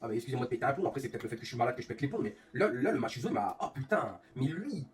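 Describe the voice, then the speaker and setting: This fast-talking league organizer and streamer from northern France fumes through an angry live-stream rant, swearing constantly. His medium-pitched voice is affected by a fever and recorded off-mic from afar, with faint room ambience around it.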